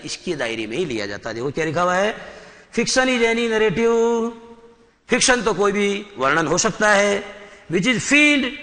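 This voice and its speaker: A male teacher gives a classroom lecture, slowly reading out English definitions and then quizzing his students with questions. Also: high voice, bright, forceful tone, long reverb tail. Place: satellite classroom studio.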